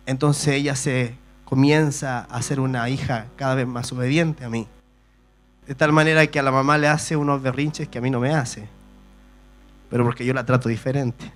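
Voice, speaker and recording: A male pastor preaching a sermon, often saying amen, asking rhetorical questions and adding homely humorous asides. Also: medium pitch. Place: church service.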